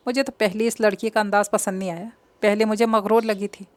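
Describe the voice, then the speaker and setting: A woman's voice: medium pitch, flat delivery, a little fast, natural voice. A woman reading the part of an irritable, proud young man in an audio novel, talking indignantly. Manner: indignant, sharp-tongued.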